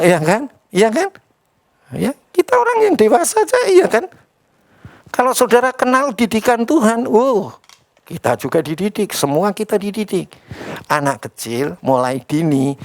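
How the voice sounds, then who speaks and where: A man preaching a sermon as pastor, quizzing the congregation and swinging between loud emphatic lines and quiet asides. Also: a little high, no echo. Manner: asks the congregation questions, addressing them as brothers and sisters.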